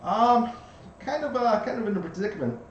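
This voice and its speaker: A man's voice: sits high, far from the mic, dull audio, pitched above the performer's own voice. A man voicing a chatty, lovelorn little male fey bug with a pixie-like voice and eager, repetitive patter in a tabletop game. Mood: sheepish, animated. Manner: excitable, repetitive, fast-talking buddy patter. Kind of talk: in-character tabletop game role-play. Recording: very echoey room, faint noise.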